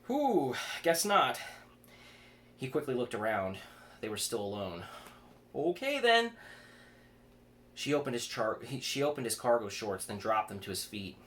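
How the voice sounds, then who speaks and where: An author reads his own horror story aloud in a brisk, fairly low male voice, now and then stumbling and going back over a word. The recording is clean, with no intrusive background noise.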